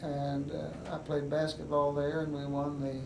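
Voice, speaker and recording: This is an oral history recollection from an older veteran with a West Virginian accent, who talks unhurriedly and haltingly, filling gaps with pauses and fillers. His voice is gravelly, somewhat high and nearly flat in pitch. The echoey room has constant background noise, and the microphone is set well back from him.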